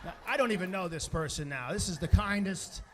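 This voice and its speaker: High-voiced animated stand-up comic. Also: male voice, brisk, some chatter behind. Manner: animated storytelling, bursts into shouts, keeps asking "right?". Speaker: comedian. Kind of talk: stand-up comedy.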